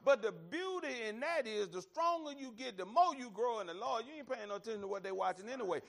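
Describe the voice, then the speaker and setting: A man with a high, very lively voice leads a Bible study. He talks in a folksy, emphatic way, circling back over phrases and addressing his listeners directly as he preaches. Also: fast. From Alabama, American South. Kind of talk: conversational sermon and Bible teaching.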